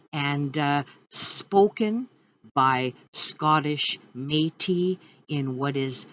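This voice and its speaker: A woman hosting an educational segment on a regional dialect, speaking slowly and with emphatic enthusiasm. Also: a bass voice, a bit bright, slight background noise, poor audio. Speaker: host.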